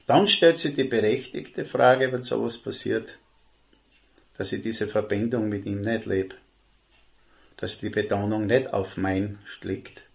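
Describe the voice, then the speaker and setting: A man preaching a sermon, earnest and emphatic, slowing down to stress key words. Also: on the low side, vocal fry. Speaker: lay preacher. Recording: dull lo-fi recording.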